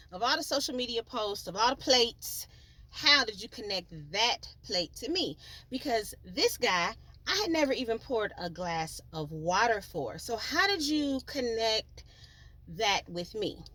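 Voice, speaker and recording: A woman hosting her own podcast, telling a life story in a chatty, slangy, animated way, with sons at home. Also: fairly high pitch, a little slow, dry recording. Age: adult, with children. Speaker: podcast host. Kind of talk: storytelling monologue.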